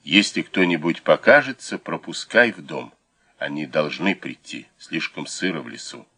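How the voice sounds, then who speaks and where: A tense operative, as a man reads him aloud gives quiet, firm orders. The voice is deep, with a bright edge. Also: expressive, normal speed, breathy edge, full character voice. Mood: commanding. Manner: hushed, commanding. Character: tense, commanding male operative leading an ambush. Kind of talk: audiobook character voice.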